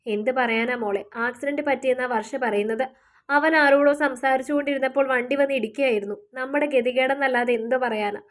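A tired middle-aged mother gives plain, matter-of-fact instructions, as a woman storyteller puts her on. The voice stays high and close to the narrator's own. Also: fairly even intonation, brisk, close to an everyday voice. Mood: weary.

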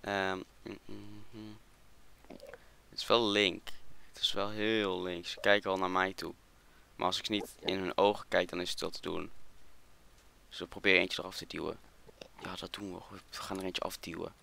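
A young man with a Dutch accent commentating his Minecraft let's play, excitable and quick to swear. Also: low-pitched, gravelly. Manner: excitable, swears in rapid strings. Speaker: gaming channel host.

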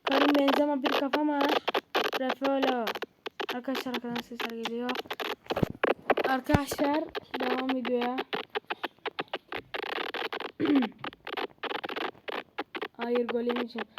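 A woman giving live commentary on her own football video game, excitable and easily frustrated, shouting when goals come. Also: high voice, normal speed, pauses often. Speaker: gaming video creator. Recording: loud background noise.

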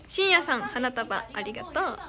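Young kansai woman chatting on a live stream, high voice, lots of giggles, crowd noise behind. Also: expressive, moderate pace. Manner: giggly, reads fan comments and thanks them. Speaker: idol streamer. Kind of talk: casual live stream chat.

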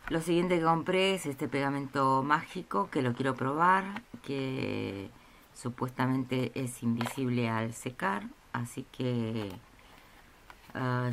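Woman, slow, hesitant, casual show-and-tell, noisy tabletop recording. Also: extremely low pitch, vocal fry. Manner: slow, hesitant, with many pauses and fillers. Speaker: craft vlogger showing a haul. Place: indoors at a table. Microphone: camera over a tabletop, speaker off-screen. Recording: noisy room with crinkling packaging.

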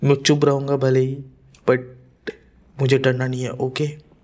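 A man hosting a gaming channel, giving horror gameplay commentary in a deliberately quiet, hushed voice with nervous self-talk as he explores. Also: medium pitch, monotone.

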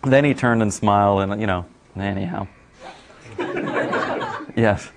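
A man's voice: on the low side, unhurried, creaky, background noise. Rambling middle-aged man telling a story. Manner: rambling, many fillers, animated when quoting others. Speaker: speaker at a talk. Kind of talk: casual storytelling talk.

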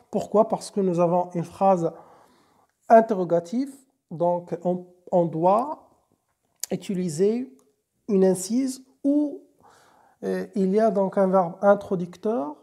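A woman teacher explaining a grammar lesson step by step. She often checks understanding with a quick question, and she hesitates and repeats words as she goes. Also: fairly low pitch, gravelly, dark tone. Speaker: French teacher.

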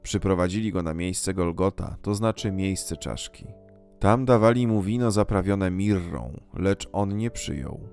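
Low-voiced man solemnly reading scripture. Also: gravelly. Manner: measured, unhurried, reverent delivery. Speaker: scripture reader. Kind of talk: solemn liturgical Gospel reading. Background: soft guitar music.

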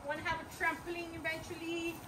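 A woman's voice: extremely high pitch, completely flat delivery, fast, very noisy. A woman in her thirties with a Texan accent, chatting enthusiastically as she walks from room to room on a family house-tour vlog. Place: large empty house, indoors, Texas. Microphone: camera held at a distance. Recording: echoey empty rooms, voice from far off.

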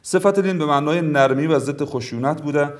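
A middle-aged man from Afghanistan with an Afghan Dari accent, teaching a tajweed lesson in a formal, courteous way and drawling each example word slowly twice. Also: fairly high pitch. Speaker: Quran recitation teacher.

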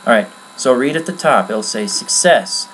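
A man giving a casual, rambling screen-recorded software tutorial from his computer at home, with many fillers. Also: mid-range voice, lively intonation, moderate pace, slight background noise, rough recording. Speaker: tutorial maker.

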